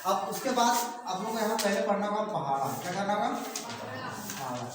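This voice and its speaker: A male maths teacher with a high voice drills his class, repeating each term and asking the students to echo it back. He is recorded from a distance in a very echoey room. The recording has steady noise behind him. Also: a little fast. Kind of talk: classroom teaching with call-and-response. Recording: echoey room, mic far off, noisy.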